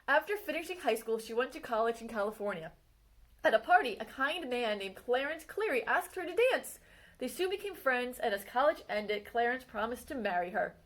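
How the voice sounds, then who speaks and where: Her voice a little high, a female librarian shares a picture book biography with children. The reading is lively and expressive, with slower delivery on the exciting moments.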